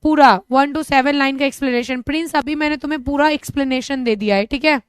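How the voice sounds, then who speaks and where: A young woman with an Indian accent runs a live online lesson. She talks in a chatty, joking way, flipping between two languages. Her voice sits high, and the sound is close and dry with no room. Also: fast talker, no echo. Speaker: teacher.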